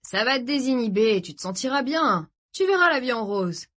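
A woman voicing a smooth, persuasive rich teenage boy in an audiobook. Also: a little high, animated, normal speed, fairly bright tone, voice pushed up. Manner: persuasive, easygoing.

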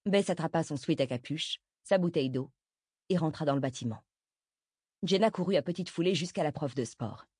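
A woman reading a novel aloud as audiobook narrator, steady and measured. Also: low voice, slightly rough, dry recording, studio quality.

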